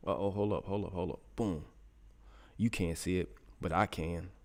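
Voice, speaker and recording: A middle-aged man with a deep voice and steady tone hosts a casual live radio stream at normal speed. Loose and joking, he reads out the weather for listeners in the chat, talking to himself as he searches.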